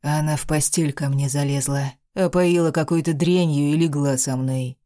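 A man's voice: a little high, steady tone, normal speed, warm tone, no room sound, clean studio sound, natural voice. A woman reading an audiobook, voicing a furious, domineering young man who barks harsh accusations at his grandmother. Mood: accusing. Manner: barking, harsh. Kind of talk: audiobook character voice.

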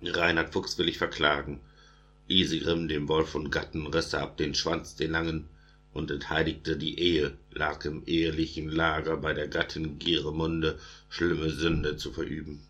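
Very deep-voiced male narrator. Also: completely flat delivery, moderate pace, a bit bright, muffled recording. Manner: chanting trochaic rhythm. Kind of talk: audiobook verse narration.

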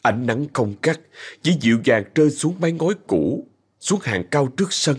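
A man narrating a scripted story in a soft, expressive way. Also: a little high, normal speed, husky. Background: faint music.

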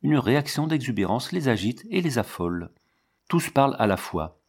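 A man reading a novel aloud in measured, steady audiobook narration. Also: medium pitch, slightly rough. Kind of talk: scripted literary narration.

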